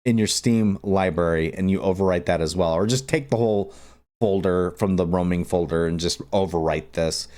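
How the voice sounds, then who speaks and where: In a low, darkish voice at a moderate pace, a man hosts a laid-back screen-recorded tutorial on modding a game. He talks loosely, drifting and repeating points.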